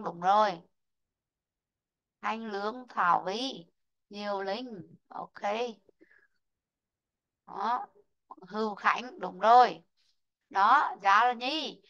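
A woman teaching an online English lesson, slowly modelling word stress and calling out students who answered right. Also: mid-range voice, a bit bright, dull audio. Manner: slow, drawn-out model pronunciations of English words; calls out student names and marks answers right.

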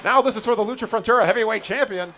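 A man calling a wrestling match as play-by-play commentator, in an energetic, excitable manner. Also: high voice, very fast, slight background noise.

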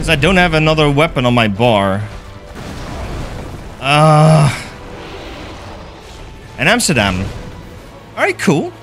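Taking it slowly with long pauses, a young Dutch streamer with a high-leaning voice plays a game live over soft background music in an indoor gaming room. He's excitable, swears without restraint, and reads chat out loud while chatting with viewers.

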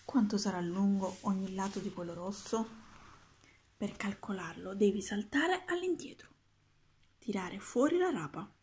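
A woman's voice: medium pitch, animated, measured pace, a little mellow, husky. A woman voicing an impatient old male wizard of numbers in a storybook, by turns coaxing and triumphant.

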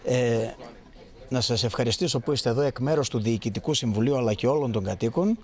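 Man, fifties, middle pitch, formal local spokesman, outdoor news statement. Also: a little mellow. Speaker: local association president. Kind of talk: formal thank-you statement to news camera. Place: outdoor street market. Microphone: handheld press microphones.

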